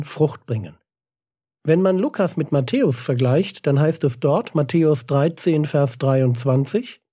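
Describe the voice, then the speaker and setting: A man's voice: fairly high pitch, mellow, breathy edge, dry recording, clean studio sound. A man teaching the Bible on a podcast in an earnest, emphatic way, reading scripture passages aloud.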